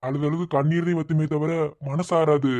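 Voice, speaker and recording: Man doing a cartoon village brother, Madurai accent, fairly high voice, earnest. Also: steady tone, normal speed, a little mellow, natural voice. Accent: Madurai Tamil. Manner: earnest, consoling. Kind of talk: cartoon voice acting.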